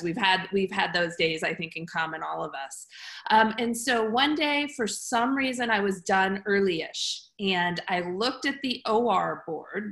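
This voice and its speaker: A middle-aged woman guest tells a story in a frank, chatty way, dotted with ums. Her voice is bright and forward. The sound is roomy and echoey. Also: mid-range voice. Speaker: guest surgeon. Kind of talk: storytelling in an interview. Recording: roomy echo.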